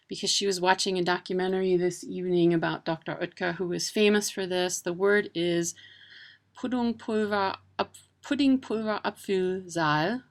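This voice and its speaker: Woman rambling chattily to camera, kinda low voice, bit of vocal fry. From Wisconsin. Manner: chatty, many ums and uhs. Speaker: vlogger. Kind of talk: casual educational talk.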